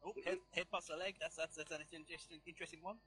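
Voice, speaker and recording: A man's voice: fairly high pitch, little pitch movement, racing, sharp tone, breathy edge. A man giving jokey mock sports commentary over a party game. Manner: jokey, playful announcer tone.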